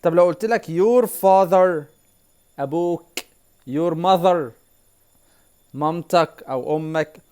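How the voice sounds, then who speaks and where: Egyptian guy teaching english on a whiteboard, kinda high voice, repeats stuff and asks you questions. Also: a little mellow, clean tone. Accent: Egyptian Arabic. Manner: repeats words slowly and quizzes the viewer. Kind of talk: whiteboard language lesson.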